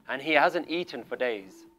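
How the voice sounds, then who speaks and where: A man's voice: mid-range voice, pushed and bright. A male spiritual teacher giving an emphatic, questioning talk to a group seated in a room. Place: room with a small audience.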